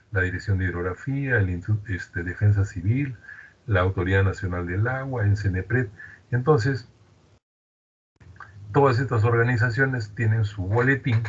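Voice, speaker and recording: A Peruvian man teaches an online class in a very husky, breathy voice that sits on the low side. He explains things in a chatty way and keeps checking in with his students. The sound is dull and lo-fi. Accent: Peruvian Spanish. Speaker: university lecturer.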